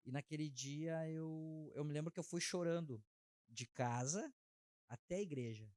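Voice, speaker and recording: A man's voice: on the high side, darkish tone, no room sound. Heartfelt man. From Brazil. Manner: heartfelt, halting, frequent filler tags. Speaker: interview guest sharing testimony. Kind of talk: emotional personal testimony.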